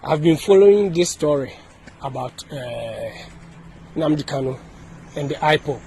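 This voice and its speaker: A Ghanaian-accented man records an impassioned message outdoors, hammering points home by repetition. His voice is high for a man, and faint traffic drifts in behind him. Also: expressive, a little slow, mellow, rough recording. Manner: repetitive, emphatic, with many restarts. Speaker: activist speaking to camera.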